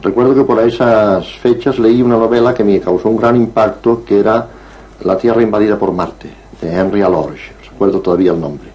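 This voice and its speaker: A man in his sixties from Barcelona, speaking as an interview guest in a measured, digressive way with frequent hesitations. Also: on the low side, a little mellow, low-quality recording. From Barcelona, Spain. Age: 60s. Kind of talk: reflective interview conversation.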